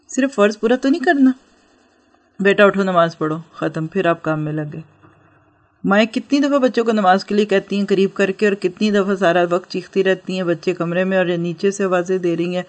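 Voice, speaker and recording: Parenting and religious outreach are the subjects of this instructional talk by a woman teacher of medium pitch, who explains gently and keeps asking her listeners rhetorical questions.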